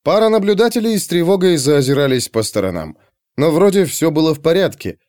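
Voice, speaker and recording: A man narrating an audiobook in a scripted, expressive, dramatic storytelling manner. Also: on the high side, fairly quick, no room sound, clean studio sound.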